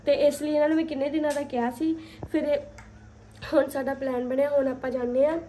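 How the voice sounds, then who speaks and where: A woman's voice: sits high, level tone, fast talker. A woman chats casually to viewers in a phone vlog. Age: 20s. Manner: chatty, addresses viewers as "guys". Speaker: vlogger. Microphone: phone at arm's length. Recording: loud music over phone vlog audio.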